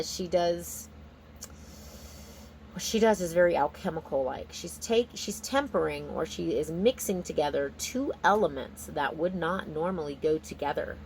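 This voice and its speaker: A woman's voice: fairly low pitch, a little hiss or hum. A woman giving a casual, improvised tarot reading in an informal, exclamatory, slangy way. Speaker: tarot reader.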